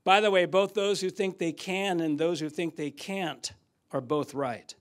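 An older man preaching a sermon in a church, telling stories and swinging from loud outbursts to hushed asides. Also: high voice, steady tone, unhurried. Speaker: guest preacher. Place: church sanctuary.

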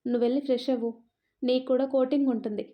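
A woman narrator voicing an exasperated young mother who is sharp-tongued with her sister. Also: sits high, fairly even intonation, fast, dull audio, natural voice.

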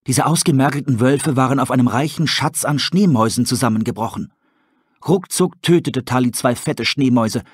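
A man reading an audiobook aloud in measured, steady storybook narration. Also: medium pitch, breathy edge, no echo, clean studio sound. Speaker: audiobook reader.

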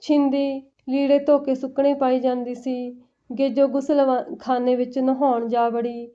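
A woman narrating a family story in a steady, plain telling. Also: high-pitched, moderate pace. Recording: dull lo-fi recording.

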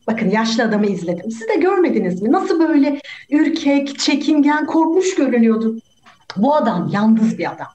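A woman's voice: fairly high pitch, very animated, moderate pace, darkish tone. A woman playing a sympathetic juror, pleading earnestly over a video call. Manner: pleading, emphatic. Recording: roomy, dull video-call audio.

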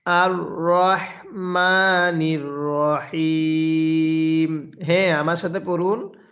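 A man teaching Quran recitation, drawing out each phrase slowly and having listeners repeat after him, then explaining in quick bursts. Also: high voice. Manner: drawn-out slow recitation between quick explanations. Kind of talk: recitation lesson, call and repeat. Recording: muffled lo-fi recording.

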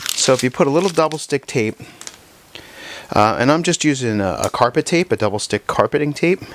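A man with a medium-pitched voice teaches hand-tool woodworking in his shop, with a little hiss or hum on the recording. He chats casually as he demonstrates, relaxed and halting, with frequent fillers and restarts.

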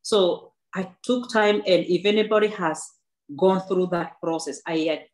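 Unhurried and lowish in pitch, a woman in her thirties tells her own story as the guest author at a book club talk, her words echoing in an indoor room with a backdrop. Her testimony is earnest, reflective and full of faith, and she keeps restarting sentences.

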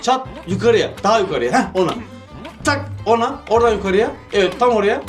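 A man hosting a gaming channel, giving casual gameplay commentary, coaching eagerly with quick cheering commands and laughing often. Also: high voice, animated. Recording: game music playing loudly behind.

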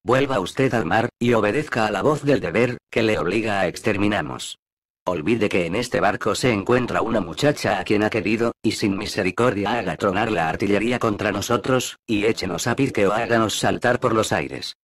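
A man's voice: on the low side, moderate pace, dry recording, close to an everyday voice. A man voicing an earnest young woman in an adventure audiobook, pleading in an earnest manner.

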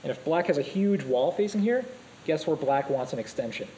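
A man giving a live lecture on a board game to a class, energetic and quizzing students with questions. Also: fairly high pitch, brisk, a little hiss or hum, rough recording. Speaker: go teacher.

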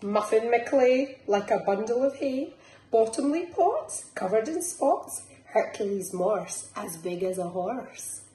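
In a small living room, a middle-aged Scottish woman with a mellow, rather high voice reads a picture book to young children. Her slow, lively and rhythmic sing-song delivery recalls a nursery teacher. A roomy echo and faint background noise can be heard.

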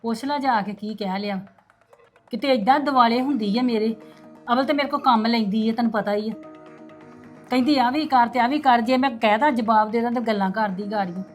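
A woman playing a sharp-tongued old mother-in-law. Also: fairly high pitch, a little fast, soft background music, natural voice. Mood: complaining. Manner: scolding, taunting. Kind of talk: web series family drama.

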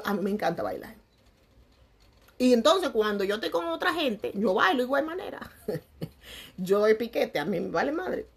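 Young woman, casual vlog chat, fairly high pitch, animated, laughs often, crude slang. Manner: lively, laughing, swings loud and soft, crude slang. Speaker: vlogger.

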